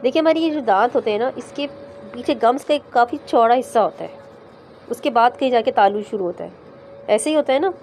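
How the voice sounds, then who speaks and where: A woman teaching Quran recitation in a class, patiently explaining letters step by step and sounding them out slowly. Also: on the high side, animated, a little mellow, a little hiss or hum. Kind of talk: online class explaining pronunciation.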